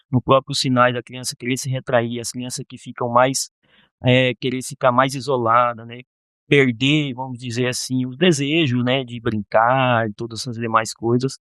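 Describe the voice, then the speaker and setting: A man, a counselor on a podcast, explaining in a measured way with frequent tag questions. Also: mid-range voice, a bit bright, dry recording, clean studio sound. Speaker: guardianship counselor. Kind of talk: podcast interview.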